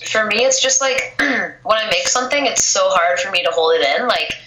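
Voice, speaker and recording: A young woman poet with a cold, losing her voice, chats casually in an interview and says "like" constantly. Her voice is mid-range at a normal speed, recorded in an echoey room with faint noise.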